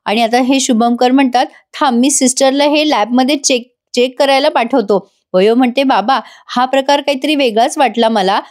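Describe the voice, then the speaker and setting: A woman's voice: high-pitched, moderate pace, hardly any pauses. A woman giving a chatty spoken recap of a serial episode, voicing each character herself with a Marathi accent. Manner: lively, shifts into the characters' lines with mild emotion; chatty asides straight to the viewers.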